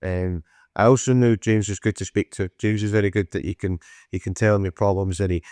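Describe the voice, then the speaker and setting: Male, 30s, broad Scottish accent, low pitch, casual client testimonial. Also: fairly even intonation, brisk, a little mellow, no echo.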